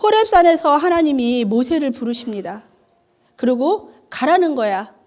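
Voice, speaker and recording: Lively high-voiced woman in her fifties preaching. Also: moderate pace. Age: 50s. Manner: animated storytelling that acts out the dialogue; chatty, asks the congregation questions. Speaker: evangelist preaching. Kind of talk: sermon.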